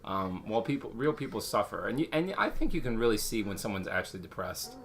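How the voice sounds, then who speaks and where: A young man, a father, talking casually to camera at home, often rambling and restarting his sentences, and gently hushing with patient reassurances. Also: on the low side, sing-song, fast talker, crowd noise. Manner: rambling, self-correcting restarts. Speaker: father vlogging. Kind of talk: casual talking-head vlog. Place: at home indoors.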